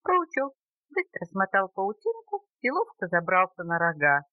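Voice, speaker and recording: Older woman, grandmother, storybook reading, lively lilting voice, dry close home cassette, dull tape sound. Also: medium pitch, moderate pace, no echo. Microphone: home cassette recorder.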